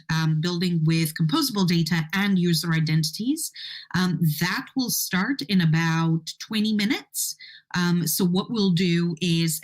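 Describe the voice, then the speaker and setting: Lower-voiced woman hosting, halting and casual. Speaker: livestream conference host. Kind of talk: casual, unscripted moderating. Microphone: internet call.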